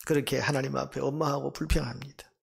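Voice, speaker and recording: A male pastor preaching a sermon, acting out complaints to God in a raised voice and dropping low for God's answer. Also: flat delivery, fast, creaky. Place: church sanctuary.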